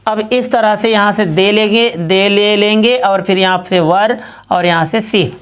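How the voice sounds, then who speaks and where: A woman's voice: medium pitch, a little slow, clear, resonant tone. A woman teaching Sanskrit grammar, walking through each step methodically and repeating herself as she works an example.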